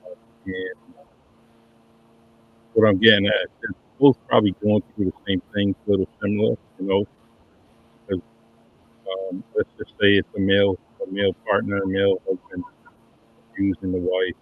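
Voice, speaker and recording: A man asking halting questions with many fillers, heard over a crackly phone line that fades in and out. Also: sits low, level tone. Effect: crackly phone line fading in and out. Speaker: caller. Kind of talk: conversational question.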